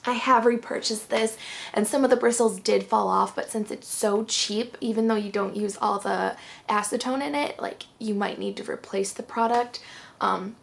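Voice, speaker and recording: A woman's voice: fairly high pitch, fairly even intonation, moderate pace, vocal fry. An out-of-breath woman, chatting casually through a product review full of "um" and "like". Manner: chatty, fillers like "um" and "like". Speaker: beauty vlogger.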